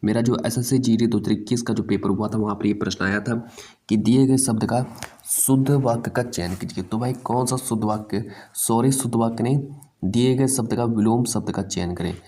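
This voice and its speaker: A man with a lowish, warm voice speaks briskly as he teaches an exam-prep language lesson. He drills each word repeatedly and calls his students "bhai".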